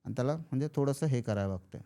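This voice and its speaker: Man telling a horror story, dark voice. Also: mid-range voice, lively intonation, very fast, smooth. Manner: acts out characters' lines in quoted speech. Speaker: podcast guest storyteller. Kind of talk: casual spoken horror storytelling.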